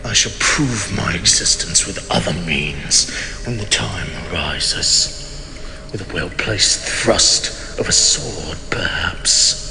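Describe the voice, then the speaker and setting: A man's voice: deep voice, gravelly, exaggerated voice. A man playing a haughty, betrayed immortal king in a fantasy audio drama, pompous and sardonic in formal archaic speech. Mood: haughty, condescending. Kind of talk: dramatic audio roleplay monologue. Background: music.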